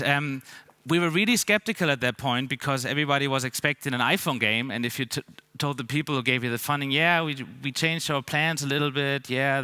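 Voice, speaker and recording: A German-accented man in his thirties gives a conference talk on a large, dark stage through a headset mic, speaking loosely with plenty of ums and restarts. His medium-pitched voice sounds pushed, bright and smooth, and the recording is dry.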